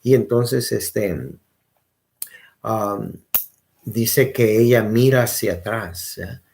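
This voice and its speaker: A man's voice: on the low side, very slow, gravelly, darkish tone. A deacon giving a conversational sermon, often checking in with his listeners and repeating words as he thinks aloud. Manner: informal, asks "¿verdad?" often, repeats and restarts words. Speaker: deacon preaching.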